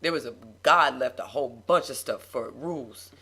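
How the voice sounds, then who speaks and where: A woman in casual conversation about faith, talking with animated, preacher-like emphasis and frequent laughter. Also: rumbling low, moderate pace, slightly rough.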